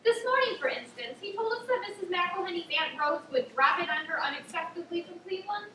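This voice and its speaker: A woman playing excitable young Myrtle May. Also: extremely high pitch, quick pace, full character voice. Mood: chatty. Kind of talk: amateur stage play. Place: theater stage. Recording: distant stage, echoey theater, audible room noise.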